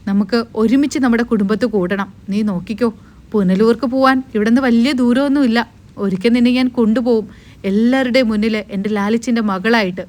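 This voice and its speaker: A woman voicing a kindly old grandfather, slow and soothing as he reassures a grieving girl. The voice stays gentle and warm-hearted even though it sits a little high. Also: close to an everyday voice.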